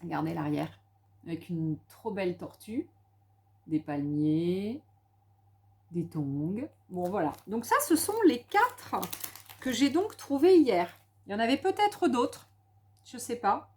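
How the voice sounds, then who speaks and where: A woman's voice: medium pitch, big pitch swings, takes it slowly, a little mellow. Chatty enthusiastic woman showing craft supplies. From France. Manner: chatty, enthusiastic, full of hesitations and repeats. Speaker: crafting vlogger. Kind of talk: casual haul and craft chat.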